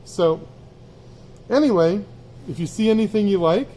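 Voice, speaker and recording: A man with a fairly high but soft, mellow voice walks through a warehouse, showing off stock in a casual, matter-of-fact way. He talks off the cuff like a seller, with faint noise of the space behind him. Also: animated, normal speed. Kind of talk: casual walk-through sales tour, off the cuff. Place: indoors in a cluttered warehouse, walking.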